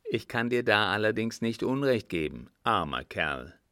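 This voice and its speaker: A man reading an audiobook voices a gruff old field marshal who bursts out loudly with blunt oaths. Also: on the low side, very animated, normal speed, no echo, clean studio sound. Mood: gruffly tender. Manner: loud blunt outbursts and oaths.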